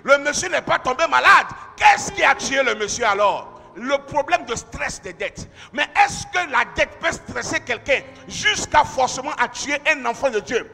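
A man preaching in a church hall, his voice very high and bright, cutting through. He swings between shouted emphasis and hushed asides, and the long reverb of the hall trails every line over a faint bed of music. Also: animated, moderate pace, gravelly, hardly any pauses. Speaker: pastor. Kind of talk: sermon.

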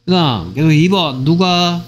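A man teaching English grammar in a lively, teasing way, often checking whether students follow. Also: a little high, measured pace, soft background music. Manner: acts out short skits in other voices. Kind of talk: online grammar lecture.

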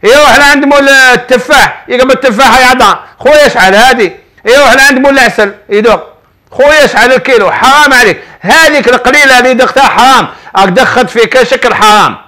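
Emphatic Algerian sheikh giving religious advice. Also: male voice, very high-pitched, fast, few pauses, pushed and bright. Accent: Algerian Arabic. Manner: emphatic, repetitive, colloquial storytelling. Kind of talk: preaching, answering viewer questions.

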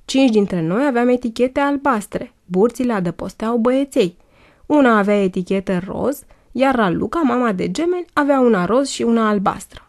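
A woman reading a first-person story aloud in a lively, wry way. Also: on the high side. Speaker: audiobook narrator.

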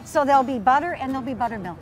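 A woman's voice: high-pitched, expressive, racing. A woman demonstrating historical baking and butter churning, patiently explaining each step. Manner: patient, instructive, laughs easily. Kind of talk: friendly hands-on demonstration. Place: outdoor historic site.

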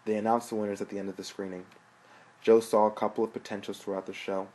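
A man narrating a story aloud in a steady, plain way. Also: fairly low pitch, fast talker, poor audio. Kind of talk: audiobook narration.

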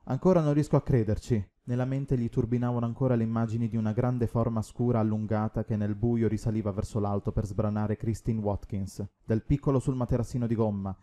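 A man reading a novel aloud as audiobook narrator in a steady, measured way. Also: fairly low pitch. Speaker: audiobook reader. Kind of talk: scripted narration.

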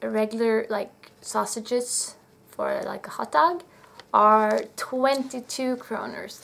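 A young Norwegian woman in her twenties with a Norwegian accent, talking casually to camera in a small room, relaxed and pausing to recall prices. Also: fairly high pitch, creaky. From Norway. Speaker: language teacher vlogger.

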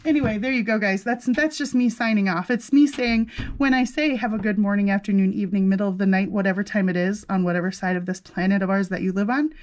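A woman's voice: medium pitch, fairly even intonation, quick pace, darkish tone. A woman hosting a crafting vlog, chatting casually in a rambling, effusive and exclamatory way. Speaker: crafting channel host. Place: indoors at a desk with a laptop.

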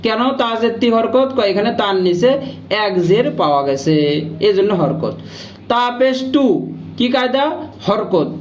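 High-voiced man teaching recitation in an echoey room. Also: lively intonation. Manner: drills letters and vowel marks slowly, repeats rules aloud in a sing-song chant. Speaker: Quran reading teacher. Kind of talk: slow step-by-step recitation lesson. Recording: echoey, dull lo-fi room with faint noise.

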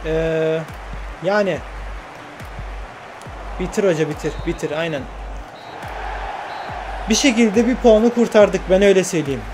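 Brief: young gamer, high voice, excitable play-by-play, music under it. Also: male voice, unhurried, long pauses. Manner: excitable, shouts at the game, talks to himself. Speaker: gaming YouTuber. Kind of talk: football game commentary. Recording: game music clearly under the voice.

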